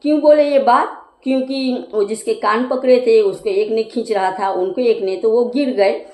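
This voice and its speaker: A woman's voice: fairly high pitch, fairly even intonation, moderate pace, warm tone, reverberant, rough recording. A woman vlogger telling a childhood story in a homely, chatty way, stopping to explain local words. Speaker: cooking channel vlogger. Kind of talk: casual personal storytelling.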